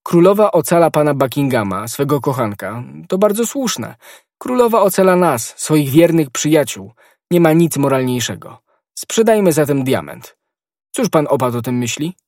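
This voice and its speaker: A man reading the part of a calm, stern nobleman musketeer in an audiobook, with dry, measured scorn. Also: fairly high pitch, no room sound, pitched above the performer's own voice. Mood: scornful.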